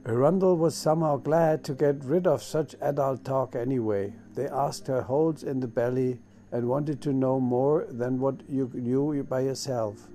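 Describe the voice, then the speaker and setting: A man narrating a children's storybook chapter in a measured reading manner, lifting his voice for the characters' lines. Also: medium pitch, steady tone, dark tone, soft background music.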